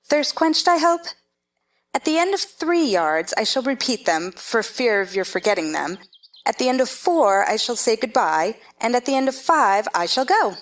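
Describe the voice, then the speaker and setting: A woman performs an imperious storybook queen in a theatrical dramatization. Her voice sits fairly high and swings widely in pitch. She is haughty and scolding, handing out clipped commands. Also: lively intonation, normal speed, natural voice. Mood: brisk, condescending. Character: haughty, bossy Red Queen, imperious chess-piece monarch.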